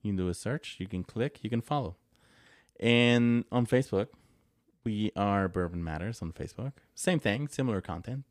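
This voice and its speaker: A man's voice: on the low side, normal speed, dry recording, clean studio sound. A man co-hosting a podcast in casual chat, joking, rambling and laughing often. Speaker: podcast co-host.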